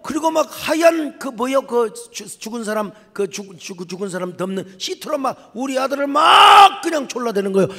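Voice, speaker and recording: A middle-aged man preaching in a large church sanctuary, his high voice ringing with long reverb. He tells his story dramatically, dropping to hushed tones, then rising to shouts. There is a gravelly edge to his words. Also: sing-song, normal speed, few pauses, noisy background. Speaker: pastor. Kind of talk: sermon.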